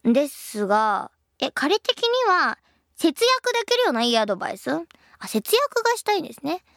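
A young woman in her twenties hosting a radio show, reading listener letters and answering them in a chatty, playful way, her voice a little husky. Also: sits high, moderate pace, no room sound, studio quality. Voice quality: a bit husky, by her own account. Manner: lively, chatty and playful, laughs at her own slips.

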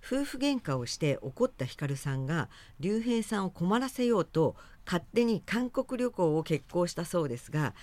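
A woman's voice: fairly low pitch, big pitch swings, moderate pace, few pauses, a little mellow, dry recording. A woman hosting a radio talk show, introducing a guest and giving frequent short acknowledgements. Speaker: radio host.

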